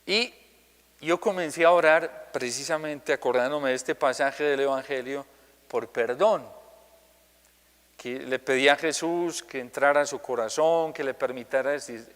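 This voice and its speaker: Speaking in a large hall, a male priest from Colombia delivers a homily with a medium-pitched voice and a Colombian Spanish accent. He recounts something from his own life, bringing the people he quotes to life with animated impressions.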